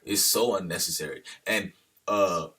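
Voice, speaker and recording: A man's voice: low-pitched, moderate pace, bright, forceful tone, breathy edge, far from the mic. A man talking casually to the camera in a loose, slangy monologue that drifts off on tangents. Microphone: camera held at a distance.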